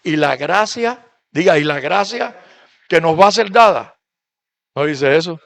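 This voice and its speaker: A man's voice: on the high side, expressive, unhurried, vocal fry, fairly bright tone. A man pastor preaching a sermon in a conversational way, reading Bible verses and explaining them.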